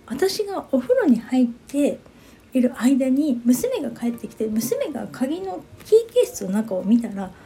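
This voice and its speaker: A woman's voice: high voice, sing-song, a little slow, dark tone, slight background noise. A woman in her fifties hosting a podcast, telling a story casually in a chatty way and often asking listeners what they think. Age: 50s. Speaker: podcast host.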